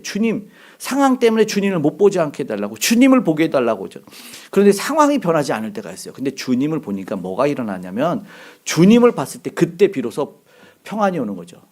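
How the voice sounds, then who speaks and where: A middle-aged male pastor preaching a sermon, lively and acting out the voices he quotes. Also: fairly high pitch.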